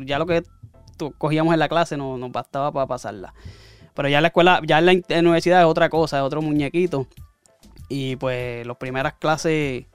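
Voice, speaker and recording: A man in his thirties tells his story in casual, rambling chat and keeps restarting his sentences. His voice is smooth and slightly high, recorded close and dry, with faint music underneath. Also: dry recording. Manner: rambling, self-correcting storyteller. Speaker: guest.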